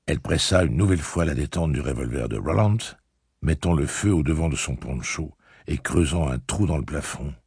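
A man reading a novel aloud as an audiobook narrator, telling the story in a measured, steady way. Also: very deep voice, creaky, husky, no echo, studio quality.

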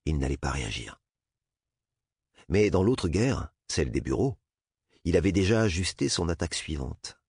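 A man narrating a novel as an audiobook in a measured, expressive way. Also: deep voice, husky, dry recording, studio quality. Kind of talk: audiobook reading.

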